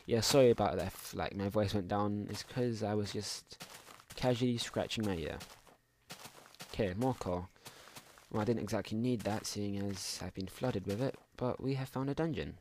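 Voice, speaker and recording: A man's voice: on the low side, moderate pace, darkish tone, slight background noise. A young man casually commenting while playing a game at home, rambling through mumbled asides into a desktop microphone. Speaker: gaming channel host. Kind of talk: casual let's play commentary.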